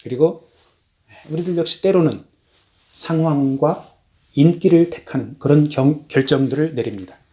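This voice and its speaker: A man preaching a sermon as a missionary, emphatic, his voice rising on key words and then falling low, slowing down for stress. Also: dark tone. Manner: measured, slows down for stress.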